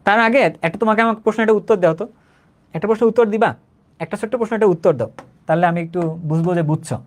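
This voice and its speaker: A young man with a Bangladeshi Bengali accent teaching a live chemistry class, conversational, repeating points and checking that students understand. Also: high-pitched. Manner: says he talks slowly, repeats himself.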